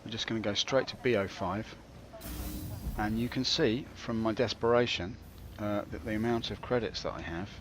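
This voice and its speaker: A man's voice: lowish voice, normal speed, background noise. A man hosting a gaming video with rambling, self-mocking, dryly comic commentary. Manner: dry, self-mocking, digressive.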